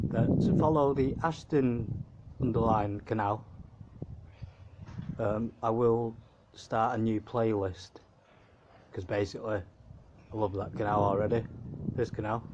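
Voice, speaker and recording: A man's voice: lowish voice, darkish tone, muffled recording, a little hiss or hum. A man, giving rambling, casual commentary as he walks along a city canal. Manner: rambling, chuckling asides. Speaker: canal walk video maker.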